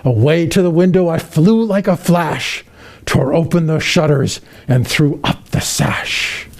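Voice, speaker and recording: In the role of a jolly, kindly old Santa Claus, a man reads a children's Christmas poem in a warm, expressive, unhurried storytelling way. His voice is a little high and creaky.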